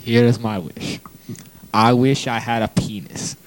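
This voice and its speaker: A man from the United States answering a comic mock interview in a halting, deadpan way. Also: mid-range voice, slight background noise. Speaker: interview guest.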